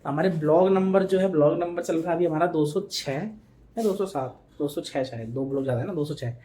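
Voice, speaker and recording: A man's voice: a little high, brisk, dark tone. A young man chatting casually to his viewers at home as a family vlogger, slipping English words into his talk. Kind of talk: casual family vlog chat.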